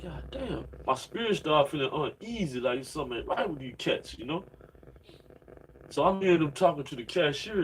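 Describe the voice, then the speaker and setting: Pitched fairly high with a breathy edge, this man in his late thirties preaches informally over a low-quality recording. He's a religious preacher reading scripture and rambling in slang, dropping "man" and "you know what I'm saying" into almost every sentence.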